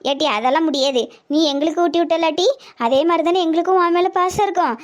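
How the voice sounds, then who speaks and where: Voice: very high-pitched, quick pace. A voice actor playing a blunt, eager village woman in a cartoon comedy. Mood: insistent.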